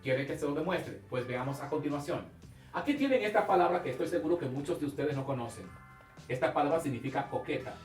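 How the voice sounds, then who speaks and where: A man teaching English pronunciation in a televised class, speaking slowly and emphatically, drawing out key sounds and praising his viewers. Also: fairly high pitch, reverberant, recorded from a distance. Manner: asks questions and praises the viewer.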